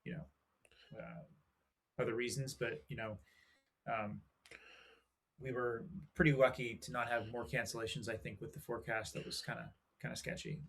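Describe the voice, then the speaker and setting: A man's voice: mid-range voice, little pitch movement, normal speed, creaky, long pauses, a bit bright, breathy edge. A man co-hosting a casual podcast, easygoing and loose, with many fillers. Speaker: podcast co-host. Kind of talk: casual live-stream chat.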